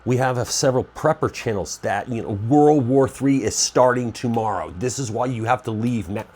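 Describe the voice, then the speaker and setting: A man with a mid-range, darkish voice speaks at a moderate pace, his stuffy nose giving him a nasal, cold-ridden sound. He runs a preparedness channel and talks to camera in a relaxed, meandering way, often correcting what he just said.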